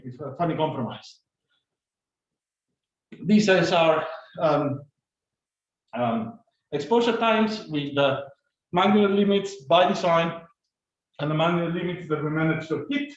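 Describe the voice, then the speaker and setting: Man, fairly high voice, conference talk, halting with many ums, very echoey dull recording. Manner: fast, halting, many fillers and restarts. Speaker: conference speaker. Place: conference room or lecture hall.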